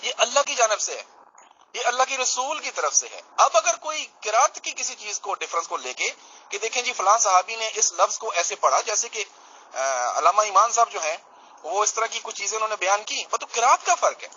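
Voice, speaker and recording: High, sharp-toned man from Pakistan. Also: big pitch swings, dull audio, a little hiss or hum. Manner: didactic, checks in with the listener. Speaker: religious debater. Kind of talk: explanatory debate talk.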